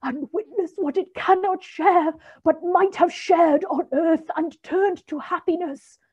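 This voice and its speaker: A woman's voice: extremely high pitch, unhurried, darkish tone, muffled recording, pitched above the performer's own voice. A woman voicing the anguished ghost of an old businessman, weighed down by chains, wailing and drawing out her words. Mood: mournful.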